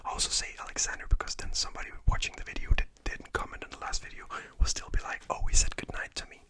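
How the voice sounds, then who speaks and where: A young man whispering names over and over as ASMR trigger words, with casual joking asides, in a whispered role-play. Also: racing. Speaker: ASMR creator.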